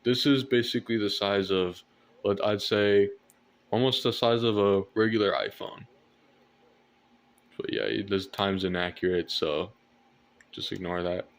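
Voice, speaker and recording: At home indoors at night, a young man shows off his weather radio collection in a casual vlog, hesitant and rambling, repeating phrases. His voice is lowish and fairly even, a little slow, with long pauses.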